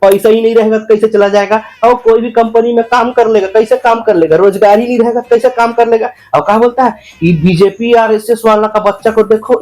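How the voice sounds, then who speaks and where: A man's voice: high-pitched, darkish tone, pitched above the performer's own voice, close to an everyday voice. A man playing an ignorant, boastful political devotee in a satirical comic monologue, speaking rustic broken with an indignant, mocking manner.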